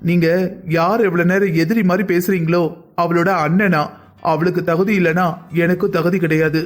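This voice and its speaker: A protective young brother from a family cartoon, voiced by a man. He speaks firmly and defensively in a fairly high voice. Faint music sits behind him. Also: fairly even intonation, moderate pace, natural voice. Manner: firm, defensive. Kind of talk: cartoon dubbing.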